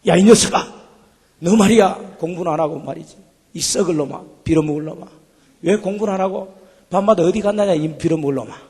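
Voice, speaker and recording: Man playing a cursing country mother, Jeolla dialect, raised husky voice, long church echo. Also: extremely high pitch, normal speed, long pauses, darkish tone, voice pushed up, full character voice. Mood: scolding. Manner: scolding, cursing. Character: scolding rural mother, middle-aged woman, foul-mouthed. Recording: long church hall reverb, faint music.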